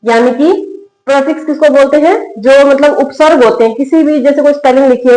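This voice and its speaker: A woman's voice: fairly high pitch, darkish tone. A woman teaching a spoken English lesson, patient and repetitive, asking the viewer questions and repeating each word. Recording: echoey room.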